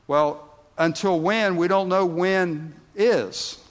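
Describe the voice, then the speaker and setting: The slightly high-pitched voice of a male pastor fills a large hall with long reverb as he preaches. His delivery is slow and deliberate, with stressed words and pauses broken by forceful outbursts.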